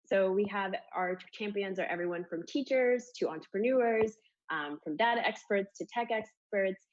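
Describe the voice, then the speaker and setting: A Rwandan woman who works as a charity communications manager answers interview questions about her charity work with informal enthusiasm. Her voice is mid-range and her pace moderate, and the audio is lo-fi.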